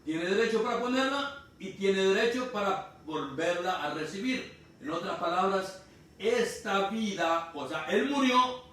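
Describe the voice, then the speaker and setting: A man from Honduras preaching a sermon, explaining slowly and repeating key phrases. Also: fairly high pitch, a bit bright. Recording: distant mic in echoey room, faint noise.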